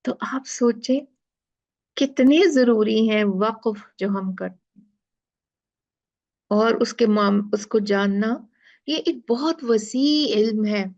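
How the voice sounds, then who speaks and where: A woman teaching Quran recitation rules, explaining slowly step by step and often checking in with her listeners. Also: a little high, a little mellow, lo-fi sound. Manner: slow, explaining step by step with frequent "theek hai". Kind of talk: tajweed lesson.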